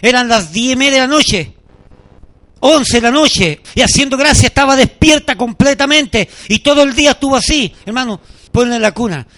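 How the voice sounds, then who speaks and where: A man in middle age delivers a sermon, his voice sitting unusually high and ringing bright. He tells stories as he preaches and acts out the people in them with animated delivery. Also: normal speed. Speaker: pastor.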